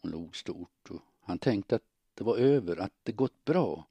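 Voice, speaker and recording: A man narrating an audiobook in a calm, steady storytelling manner. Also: deep voice, husky, no room sound.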